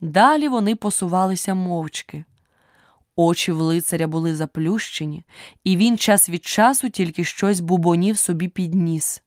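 A woman narrating an audiobook with a lively, expressive storytelling manner. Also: lowish voice, moderate pace, no room sound, clean studio sound. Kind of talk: scripted narration.

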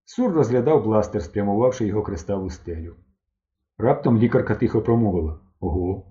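A man narrating an audiobook in an even storytelling manner. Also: fairly low pitch, a little fast, lo-fi sound.

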